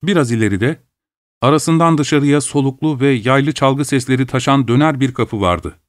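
Dry, measured male storyteller. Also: medium pitch, no room sound. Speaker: narrator. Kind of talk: scripted narration.

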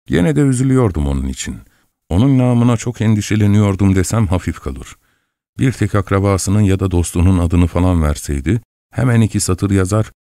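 Male audiobook narrator, very low voice, measured storytelling, dry close recording. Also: dry recording. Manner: measured, expressive first-person storytelling.

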